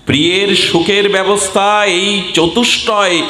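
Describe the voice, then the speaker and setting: A man preaching a devotional sermon to a gathering, who swings between high declaiming and low intoned verses. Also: fairly even intonation, a little slow. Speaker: Bhagavata reciter. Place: hall before a gathering. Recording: roomy hall with long reverb.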